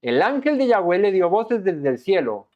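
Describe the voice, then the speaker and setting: A man's voice: high-pitched, big pitch swings, normal speed, highs cut off. A man preaching a verse-by-verse Bible sermon, dramatically acting out the voices of angels and God.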